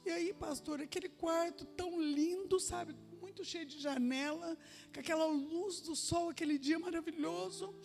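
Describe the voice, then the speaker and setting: Uma mulher dá seu testemunho num culto da igreja, contando a história com seriedade e citando as falas dos outros na própria voz. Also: female voice, very high voice, fairly even intonation, moderate pace, vocal fry, a little mellow, soft background music. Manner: earnest storytelling, quoting others in her own voice. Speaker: church member giving testimony. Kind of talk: testimony in a church service. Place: church sanctuary.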